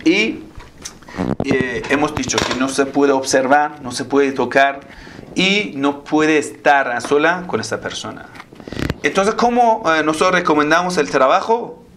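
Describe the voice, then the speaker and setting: Preacher guy, kinda high voice, keeps checking if you get it. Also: measured pace, a bit bright, slight background noise. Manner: keeps asking listeners if they understand. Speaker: Islamic preacher. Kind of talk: religious talk.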